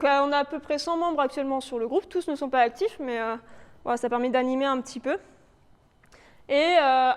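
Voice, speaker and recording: A presenter for a local authority biodiversity project speaks with a high, clear and resonant voice, and the room sounds like a large hall. She walks a live audience through her slides informally, hesitating and improvising loosely. The setting is a reverberant indoor meeting room.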